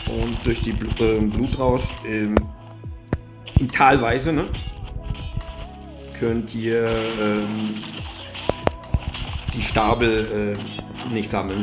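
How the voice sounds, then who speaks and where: Excitable swearing German gamer man. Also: on the low side, slow pace, creaky, long pauses, music in the background. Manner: excitable, swears a lot, frequent fillers. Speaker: gaming YouTuber. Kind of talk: live gameplay commentary.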